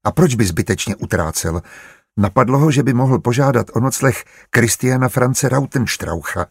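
A man reading a historical novel aloud in an even, measured narration. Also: medium pitch, vocal fry, breathy edge, no echo, clean studio sound. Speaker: audiobook narrator. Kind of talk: scripted narration.

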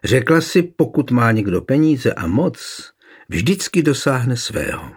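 A man reading a historical novel aloud voices a calm, mocking young nobleman taking revenge on his wife. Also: medium pitch, breathy edge.

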